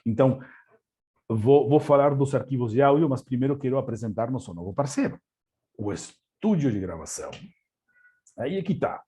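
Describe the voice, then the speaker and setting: A man's voice: mid-range voice, animated, normal speed, long pauses, mellow. A man from Argentina, a native Spanish speaker with an Argentine accent, gives a webinar presentation, often hesitating, with many fillers and repeated words.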